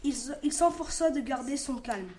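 A woman's voice: sits high, moderate pace, a little mellow, a little hiss or hum. A woman reading a storybook aloud carefully, with some restarts. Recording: roomy echo.

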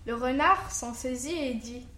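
A woman narrating a classic fable in a slow, careful recitation. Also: sits high, a bit bright, echoey room.

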